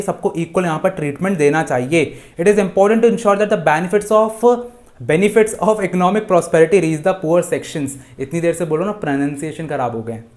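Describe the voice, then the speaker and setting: ऊँची आवाज़ वाला युवा शिक्षक, हिंदी-अंग्रेज़ी मिलाकर पढ़ाता हुआ. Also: male voice, high-pitched. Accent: Indian English. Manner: mixes Hindi with slow English read-outs from notes. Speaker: teacher. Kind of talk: live online exam-revision lesson.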